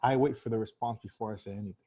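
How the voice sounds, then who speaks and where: A man's voice: fairly low pitch, fairly even intonation, very fast, dark tone, breathy edge. A man teaching sales in a casual live-stream talk, conversational with many fillers and restarts. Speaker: sales trainer.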